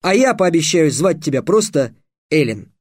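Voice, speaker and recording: An excitable clever boy, voice pushed high and eager, as a male reader puts him on. The pitch swings widely, and the sound is dry and close. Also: moderate pace, no echo. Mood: excited. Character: excitable clever young boy wizard apprentice.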